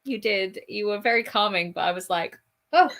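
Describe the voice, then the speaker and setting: A woman's voice: medium pitch, fairly even intonation, a little fast, a bit bright. A young woman co-hosting a writing stream, chatting casually and laughing often, with lots of "like". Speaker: co-host. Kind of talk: casual chat during writing sprint.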